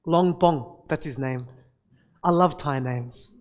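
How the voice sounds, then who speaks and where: Animated middle-aged pastor in a reverberant hall. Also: male voice, on the high side, slow pace. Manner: animated, conversational, gestures while preaching. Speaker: senior pastor. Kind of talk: sermon. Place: church hall with stage and projection screen.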